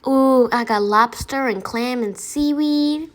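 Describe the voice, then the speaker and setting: A woman doing a casual food-review voiceover, excitable and gushing over the food, with music behind her. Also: high voice, slow.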